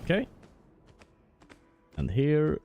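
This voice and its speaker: A man's voice: a little high, huge pitch swings, extremely slow, dark tone, muffled recording, soft background music. Man thinking aloud over a game. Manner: thinking aloud, casual and chatty. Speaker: gameplay commentator. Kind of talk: let's play commentary.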